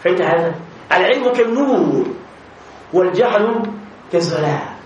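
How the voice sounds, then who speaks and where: A man teaching a grammar lesson to a class, repeating examples slowly with many drawn-out fillers and checking that students follow. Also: high-pitched, lively intonation, a bit bright, muffled recording. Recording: echoey room with faint noise.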